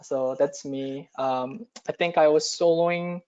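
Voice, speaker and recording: A man's voice: fairly high pitch, steady tone, slow pace, a little mellow, clear, resonant tone. A man from South Korea teaching cadets over a video call, hesitant and full of ums and uhs. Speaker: cadet instructor. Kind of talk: online class lesson. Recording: muffled video call audio.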